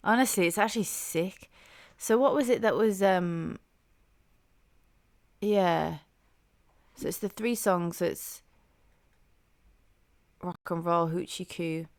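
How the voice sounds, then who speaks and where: Talking directly to her viewers as a laid-back host, a young woman chats enthusiastically while reacting to music. She takes it slowly and pauses often, her soft, slightly low voice leaning heavily on "like" and "um."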